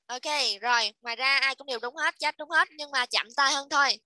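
High bright woman teacher dictating slowly. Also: no echo, poor audio. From Vietnam. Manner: dictating letters and words slowly, repeating each one, praising pupils. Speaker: English teacher. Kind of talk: online children's English class.

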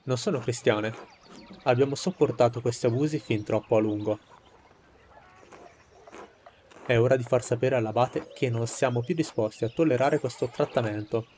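A man voicing an indignant peasant leader in a game, rousing a village crowd with solemn, measured oratory. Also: medium pitch, darkish tone, a little hiss or hum, natural voice. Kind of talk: game dialogue read aloud.

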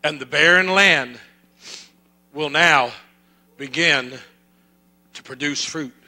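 A man's voice: fairly high pitch, slow pace, pushed and bright. A male pastor preaching a sermon with a repetitive, building cadence.

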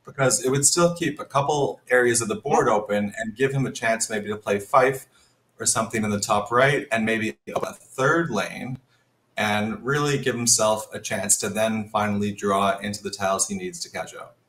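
A man talks through a Scrabble position in an analytical, think-aloud way. His voice sits low. The sound carries a roomy echo. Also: fairly even intonation, moderate pace, fairly bright tone. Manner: analytical, thinks aloud while reading the board. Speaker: Scrabble commentator. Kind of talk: live game commentary.

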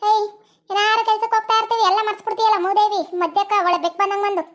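A woman voicing a bossy, quick-tempered young woman who scolds and mutters to herself. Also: very high-pitched, fairly even intonation, a bit bright. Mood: scolding.

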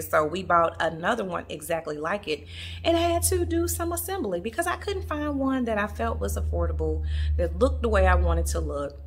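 A woman talks straight to the camera from her own home, and her bright voice leaps up and down as she makes her points. She is chatty and emphatic, laughs easily, and keeps calling her viewers y'all. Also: on the low side. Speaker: interior design vlogger. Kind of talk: casual chat to camera. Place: at home in a family room. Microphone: camera in the room.

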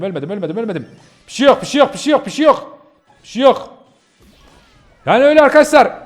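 A man hosting his gaming channel, chatting casually to viewers while he plays and bursting into yelps and laughter. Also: a little high. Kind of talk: casual gameplay commentary.

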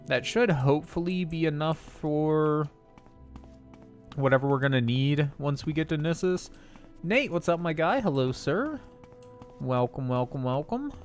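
A man with a somewhat high, lively voice streams a game at an unhurried pace, chatting casually with viewers and laughing often. His nose sounds slightly stuffy and congested, and soft music plays in the background.

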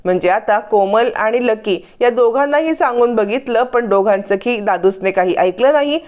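A woman narrates a TV serial episode in a lively storytelling way, stepping into each character's lines as she goes. Her voice sits a little high, and the sound is narrow and thin like a phone line. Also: normal speed. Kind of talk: storytelling recap with acted quotes.

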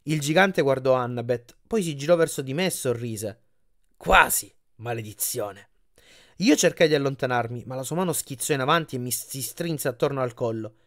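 A man reading an audiobook chapter aloud with expressive delivery. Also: mid-range voice, brisk, few pauses. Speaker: audiobook reader.

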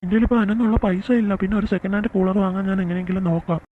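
A woman's voice: mid-range voice, fairly even intonation, racing, voice pushed down, lightly acted. A woman voicing a young working man in a cartoon, playing a son and husband who talks earnestly and then scolds. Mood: exasperated. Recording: tinny phone-like sound with faint hiss.

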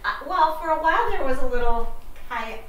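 A woman's voice: sits high, lively intonation, a little fast, a bit bright. A middle-aged woman giving a casual on-camera testimonial as a client. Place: small office indoors. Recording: echoey room, faint noise.

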